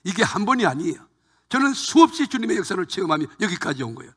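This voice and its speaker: Older male pastor, bright and somewhat high voice, dramatic storytelling sermon, recorded in an echoey church. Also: very animated, fast talker, slightly rough. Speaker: retired senior pastor. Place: large church sanctuary.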